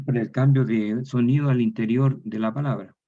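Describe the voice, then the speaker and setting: A man's voice: medium pitch, measured pace. A man giving a methodical lecture, repeating each example word aloud. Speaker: university lecturer. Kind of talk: recorded lecture. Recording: dull lo-fi recording.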